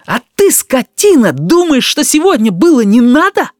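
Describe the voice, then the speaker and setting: A man's voice: sing-song, moderate pace, no echo, studio quality. A man voicing a small boy who flares up in anger at a meeting. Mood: furious. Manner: shrill, furious.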